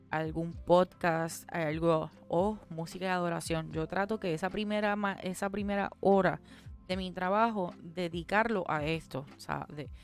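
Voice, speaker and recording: A woman's voice: lowish voice, clear, resonant tone. A woman co-hosting a podcast, talking earnestly about faith and reading Bible verses aloud, slipping English phrases into her talk. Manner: earnest, mixes in English phrases, frequent restarts. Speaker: podcast co-host.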